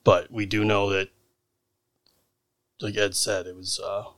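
A man's voice: lowish voice, flat delivery, takes it slowly, fairly bright tone, no echo, clean studio sound. A man playing a tabletop roleplaying game, chatting casually in and out of character.

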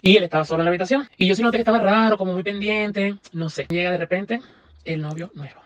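Bright, fast-talking man. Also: high-pitched. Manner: animated, acts out his own past lines. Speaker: podcast co-host. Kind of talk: casual storytelling.

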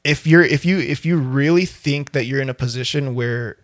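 A young man co-hosting a podcast in casual banter, animated, slangy and freely profane. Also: medium pitch, moderate pace, no room sound, studio quality. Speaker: podcast co-host.

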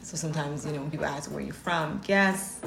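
A woman's voice: low-pitched, brisk, creaky, noisy background. A woman from New Jersey hosting a podcast, upbeat and emphatic, laughing easily in casual chat. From New Jersey, USA. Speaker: podcast host. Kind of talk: scripted intro then casual chat.

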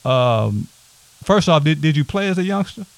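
A man hosting a podcast from a house, talking loose and hyped with plenty of shout-outs. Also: a little high, expressive, normal speed, creaky, dry recording. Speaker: podcast host. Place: a house set up as a home studio.

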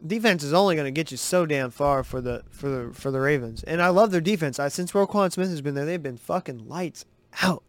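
A man hosting a sports podcast, giving excitable, rambling, profane commentary over game footage. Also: fairly high pitch, a little fast.

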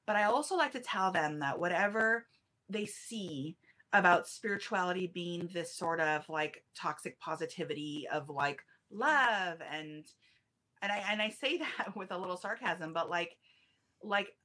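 A woman's voice: fairly low pitch, normal speed, bright, forceful tone. A woman speaking as a numerology guest in a casual podcast interview, chatty, restarting her sentences and laughing easily.

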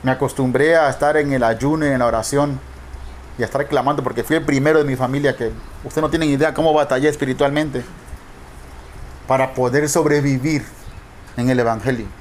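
A middle-aged male pastor preaching a sermon, emphatic and drawing out key words slowly. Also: mid-range voice, fairly even intonation, a little hiss or hum.

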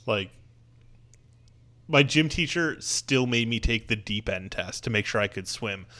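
A man's voice: mid-range voice, lively intonation, measured pace, pushed and bright. A man in a casual chat who tells his own story with dry, wry remarks. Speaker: barber.

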